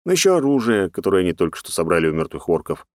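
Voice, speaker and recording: Deep-voiced male audiobook narrator. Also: sing-song, racing, dry recording, studio quality. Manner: sardonic, rough-edged, swears casually. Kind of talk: first-person fantasy narration.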